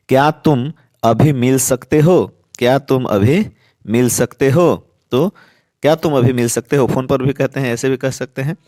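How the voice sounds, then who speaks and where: A man teaching spoken English, saying each sentence slowly and repeating it for learners. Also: medium pitch, darkish tone, no room sound, studio quality.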